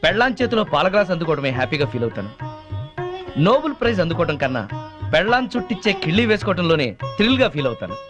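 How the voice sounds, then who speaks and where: A man's voice: a little high, big pitch swings, rapid-fire. A man playing a devoted husband who declaims his pride in a grand, speech-like way, in a film scene with music behind. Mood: proud. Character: proud, doting young husband. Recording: film audio with music underneath.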